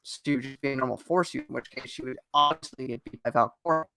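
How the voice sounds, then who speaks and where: A man's voice: medium pitch, fast talker, vocal fry, low-quality recording. A man in casual chat as host of a fan discussion show, talking at length with frequent restarts and digressions.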